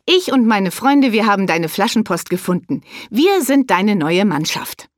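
A woman's voice: mid-range voice, sing-song, measured pace, dry recording, studio quality, voice pushed up. A woman voicing a plucky young male friend who speaks bravely and eagerly.

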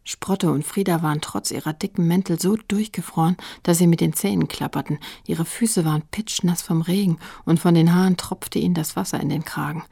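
A woman's voice: on the low side, fairly even intonation, brisk, gravelly, hardly any pauses, warm tone, husky, no echo, studio quality. A woman reading a children's book aloud with suspense, often dropping to a whisper. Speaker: audiobook narrator.

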